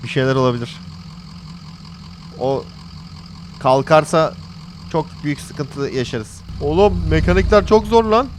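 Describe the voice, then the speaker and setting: A man's voice: fairly high pitch, measured pace, pauses often, slight background noise. A man commentating a horror game in a jokey way, reading its lines aloud and yelping when startled. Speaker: gaming channel host. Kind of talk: let's play commentary.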